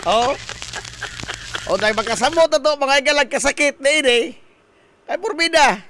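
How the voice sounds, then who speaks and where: A man's voice: very high-pitched, normal speed, no room sound. A man with a Visayan accent hosting a morning radio show, chatting playfully, singing lines and laughing. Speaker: radio host. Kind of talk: casual radio talk. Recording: loud music bed behind voice.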